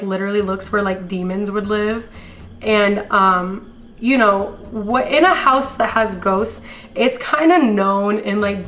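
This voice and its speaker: A young American woman with a smoker's rasp, hoarse from being sick, telling stories in a casual, rambling, slangy chat. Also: fairly high pitch, slight background noise. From California, later Colorado, US. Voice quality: raspy, like a smoker's voice. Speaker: storytime vlogger.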